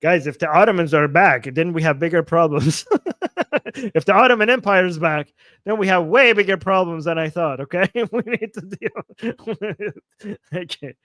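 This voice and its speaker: A man in his forties hosts a casual livestream, reading viewer comments aloud and reacting with playful, chuckling asides, often repeating himself. His voice is high-pitched and fairly bright, at a moderate pace, recorded cleanly in a studio with no room sound.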